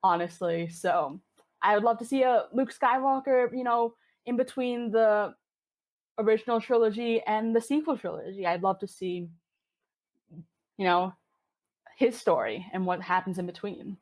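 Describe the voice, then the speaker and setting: A Hong Kong woman in her twenties appears as a podcast guest, chatting enthusiastically in a casual interview and using plenty of fillers. Her voice is mid-range with a somewhat dark tone, delivered at normal speed.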